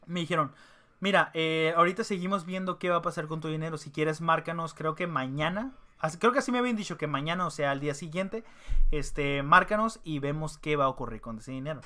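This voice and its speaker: A young Mexican man tells a long story to his vlog audience in casual, slangy speech, stopping often for fillers and restarts. His voice sits a little high and sounds bright and forceful. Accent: Mexican Spanish. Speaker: vlogger.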